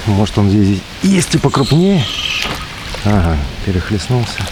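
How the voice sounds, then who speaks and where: A man's voice: lowish voice, sing-song, measured pace. A man giving casual running commentary as he fishes outdoors, in short muttered remarks and exclamations, with wind hitting the microphone. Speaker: fishing vlogger. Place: outdoors by open water in strong wind. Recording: strong wind buffeting the mic outdoors.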